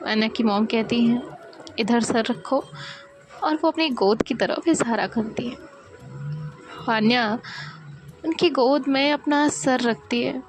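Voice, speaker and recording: A woman telling an emotional love story in a slow, gentle storytelling cadence. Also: sits high.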